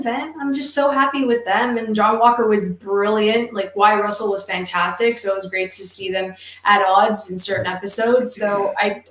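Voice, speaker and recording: An enthusiastic woman chatting casually as a co-host, emphatic and quick to gush. Her voice sits at a middle pitch. It rings a little in a roomy space. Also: a bit bright. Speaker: podcast co-host. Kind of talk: casual chat. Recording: roomy echo.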